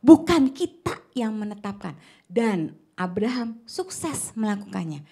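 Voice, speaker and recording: A woman preaching a conversational church sermon, speaking directly to the congregation and often checking in with a quick "ya". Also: mid-range voice, big pitch swings, mellow, slightly rough. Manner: chatty, keeps checking in with "ya", addresses the congregation directly.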